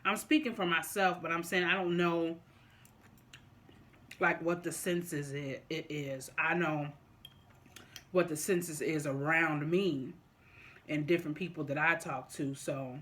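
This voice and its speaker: A vlogger talking casually and deliberately to viewers, often repeating and rephrasing in a halting way. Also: mid-range voice, steady tone, a bit bright. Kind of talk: casual opinion talk to viewers during a mukbang.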